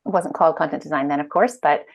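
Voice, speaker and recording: A woman in her thirties with a low-sitting voice talks at a quick pace as a guest on a video-call interview, using an earphone mic from a bright room at home. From Ireland and Canada, she's a UX director and author, and her casual speech is full of fillers and restarts.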